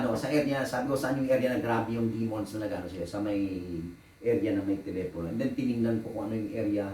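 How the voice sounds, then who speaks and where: Male pastor, story-driven sermon, mid-pitched, miked from a distance in a roomy hall. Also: a little mellow, a little hiss or hum. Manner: storytelling, mixing Tagalog and English, laughing at his own anecdotes. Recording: echoey room, voice from a distance.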